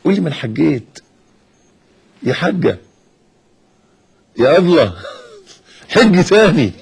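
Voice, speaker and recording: A man with an Egyptian accent preaching an impassioned sermon, swinging from hushed to loud. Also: on the high side, big pitch swings, measured pace, gravelly, husky. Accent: Egyptian Arabic.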